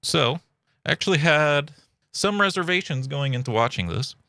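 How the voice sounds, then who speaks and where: A man's voice: fairly high pitch, expressive, moderate pace, gravelly, pushed and bright, no room sound. A man giving casual, chatty commentary as a video host, recorded up close at home.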